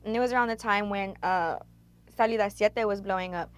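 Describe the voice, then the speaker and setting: A woman's voice: medium pitch, a little fast. A young woman from Texas, a rapper, telling stories in a laid-back, slangy and profane way during a casual interview. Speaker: rapper and guest.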